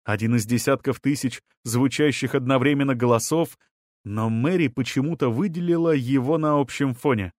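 A man reading a novel aloud as an audiobook narrator, in a measured way that leans into the drama. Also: mid-range voice, darkish tone, dry recording, studio quality. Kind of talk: scripted narration.

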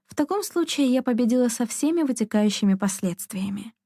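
A woman reading the lines of a spirited young woman in a novel, firm and sharply teasing, in a mellow, dry voice. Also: fairly high pitch, lively intonation, fairly quick, no room sound, pitched above the performer's own voice. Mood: defiant. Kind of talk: audiobook character reading.

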